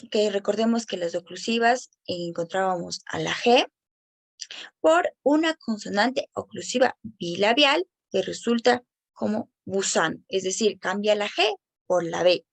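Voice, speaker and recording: A woman giving a careful educational presentation on child speech development, slowing down to say each example word clearly. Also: medium pitch, dry recording. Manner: careful, explanatory, slows down on example words.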